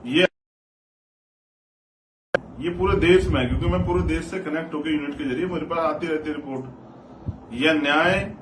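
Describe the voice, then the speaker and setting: A man with a slightly raised voice delivers a live political address as an activist leader. He is earnest and exhortative, hammering points home by repetition. The recording is roomy and a little far from the mic, with clear noise behind him. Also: a little high, normal speed, long pauses. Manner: earnest, exhortative, repeats phrases for emphasis. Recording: roomy, distant mic, noisy background.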